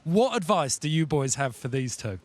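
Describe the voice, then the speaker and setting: A man hosting a live sports talk show in brisk, upbeat presenter patter. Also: fairly high pitch, big pitch swings. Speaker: host.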